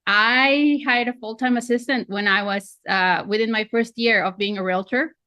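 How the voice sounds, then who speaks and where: A Filipina real estate coach in her forties leads an online training webinar over a video call, chatty and self-deprecating. Her voice is on the high side, steady, pushed and bright at normal speed, recorded with no echo and the highs cut off.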